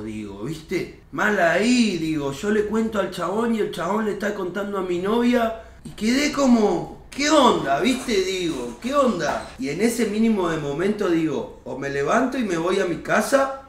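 A man's voice: high voice, unhurried, few pauses. A young man with an Argentine Rioplatense accent, telling an anecdote in casual chat and acting out the quoted lines with lots of slang. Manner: animated, slangy, acts out quoted dialogue. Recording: echoey room.

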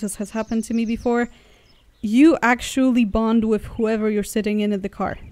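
A woman's voice: fairly high pitch, a little mellow, clear, resonant tone, dry recording. A young woman from Poland chatting casually as a travel vlogger while riding in a car through the woods, rambling and correcting herself as she goes. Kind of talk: casual vlog narration.

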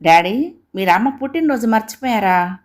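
A woman's voice: mid-range voice, normal speed, natural voice. A woman voicing a young schoolgirl who misses her late mother, speaking in a plaintive, tearful way in a storybook reading. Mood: pleading.

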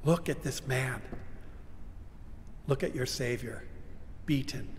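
An older male pastor delivers a sermon at a pulpit, moving between forceful cries and near-whispers. His mid-pitched voice rings with the long reverb of a large church sanctuary. A faint hum of the room sits underneath. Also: slow pace. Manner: dramatic, swinging between loud cries and hushed whispers.

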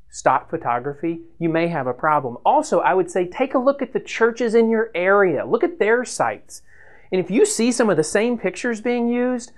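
A man in his fifties giving a standing whiteboard lesson in a small room, talking animatedly and gesturing as he explains. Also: sits high. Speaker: church web consultant presenter.

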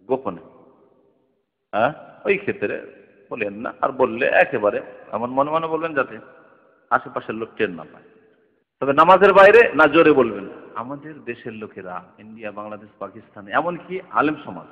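Man lecturing in a reverberant hall. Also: mid-range voice. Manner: conversational, swings from soft asides to emphatic loud points. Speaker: Islamic lecturer. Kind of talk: hadith lecture. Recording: dull lo-fi recording in a reverberant hall.

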